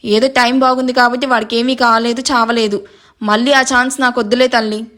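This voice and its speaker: A gruff, impatient young man snaps and teases in a spoken love story, with a woman reading him. The voice sits a little high and keeps a mocking, clipped edge. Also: little pitch movement, fairly quick, fairly bright tone, close to an everyday voice. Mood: scolding. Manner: curt and mocking. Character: brash, teasing young man driving.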